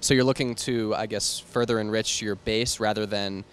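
A man's voice: fairly low pitch, steady tone, normal speed, a little hiss or hum. A young man interviewing on a brewery floor with a handheld mic, asking short, probing questions. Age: young adult. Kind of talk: on-camera interview. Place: large brewery floor among steel tanks.

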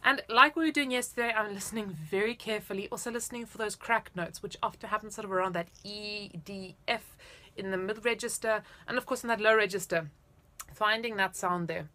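Woman teacher chatting through a lesson, bright clear-cut tone, encouraging, medium pitch. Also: fairly quick. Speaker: flute teacher. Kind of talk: casual instructional talk to camera. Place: indoors, small room at home.

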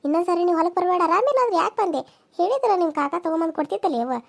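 A woman voicing an older village aunt who soothes and gently advises, with a North Karnataka accent. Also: very high voice, animated, racing, creaky, full character voice. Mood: comforting. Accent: North Karnataka Kannada. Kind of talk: cartoon serial dialogue.

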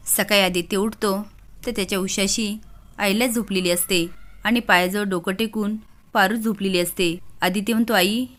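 A woman's voice: medium pitch, fairly bright tone. A woman narrating a recap of a television serial episode, lightly voicing each character.

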